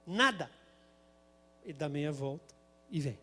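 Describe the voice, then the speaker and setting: A man with a Brazilian Portuguese accent preaching a sermon, telling a comic personal story in an animated, dramatic way. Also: fairly high pitch, measured pace, husky. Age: adult, married with a son.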